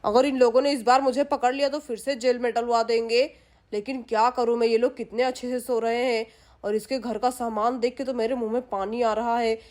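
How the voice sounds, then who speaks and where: A woman's voice: fairly high pitch, flat delivery, brisk, a little mellow, voice pushed down, lightly acted. A woman voicing a greedy male village thief who mutters his plans to himself and gloats.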